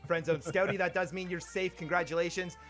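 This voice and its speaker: A man's voice: high voice, steady tone, over loud music. A Canadian man hosting a live-streamed game show, teasing his guests playfully in casual banter. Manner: playful teasing, quick asides. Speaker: host.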